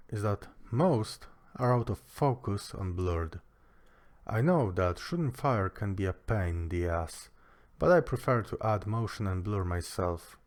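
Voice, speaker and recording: A man giving a casual product review, with a dry, joking manner. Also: on the low side.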